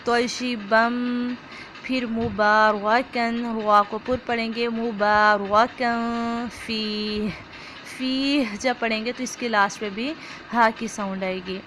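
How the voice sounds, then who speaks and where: A woman with an Urdu accent teaching an online lesson, reciting phrases slowly and then explaining pronunciation step by step. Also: fairly high pitch, fairly even intonation, a bit bright, slight background noise. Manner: slow drawn-out recitation, then brisk explanation.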